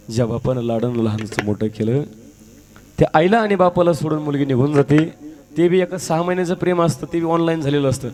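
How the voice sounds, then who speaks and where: A man's voice: medium pitch, background noise. A male folk devotional performer delivering a sermon-style talk, exhorting the audience with rhetorical questions and repeated appeals.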